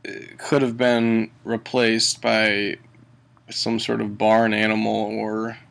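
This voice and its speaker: A man giving a casual comedic movie review in a tipsy, halting ramble, swearing and often chuckling mid-sentence. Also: fairly low pitch, level tone, creaky, a bit bright. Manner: tipsy, drunken rambling delivery. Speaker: film reviewer.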